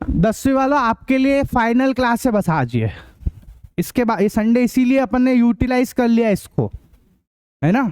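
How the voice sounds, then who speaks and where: A man teaching a math class, drilling rules and quizzing students with quick questions, sometimes blunt and scolding. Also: very high voice, expressive, darkish tone, clear, resonant tone, no echo. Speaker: math tutor. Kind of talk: online class lecture.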